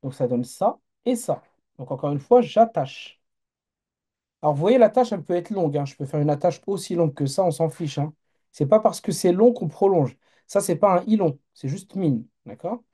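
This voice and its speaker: A man's voice: fairly high pitch, expressive, normal speed, mellow, breathy edge. A man teaching Arabic letters in a live online class, explaining step by step and checking in with his learners.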